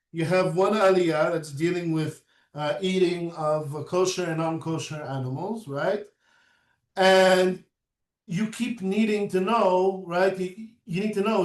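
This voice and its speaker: A man's voice: high voice, unhurried. A man teaching a recorded lecture, explaining step by step and often checking in with "right?". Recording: echoey room, mic at a distance.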